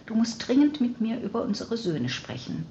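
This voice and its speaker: A woman's voice: a little high, big pitch swings, normal speed, mellow, slight background noise, voice pushed up. A woman voicing a curt, demanding ex-husband, on slightly dull audio.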